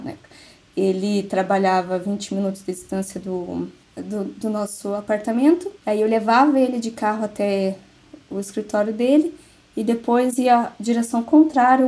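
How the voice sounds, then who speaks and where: A woman's voice: on the high side, dark tone. A woman with a Brazilian Portuguese accent, a guest who tells a personal story in casual conversation and acts out the dialogue in it.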